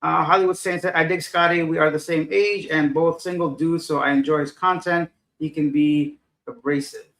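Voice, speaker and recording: Reading chat on a relaxed livestream, this middle-aged Afghan host answers comments in a wandering, self-deprecating way, losing his thread and seeming tired and distracted. His fairly high, gravelly, slightly bright voice moves at a moderate pace with even intonation and hardly any pauses.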